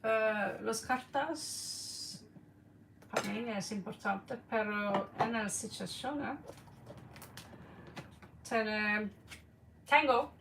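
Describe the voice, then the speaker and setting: A slightly tired woman giving an informal card reading in halting, Spanish, searching for words. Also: medium pitch. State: a little tired. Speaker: tarot card reader. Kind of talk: casual, informal one-on-one reading. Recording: distant mic with faint background noise.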